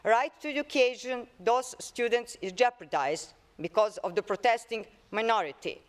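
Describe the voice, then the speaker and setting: A woman's voice: fairly high pitch, normal speed. Woman, Serbian accent, parliamentarian, formal prepared speech, occasional restarts.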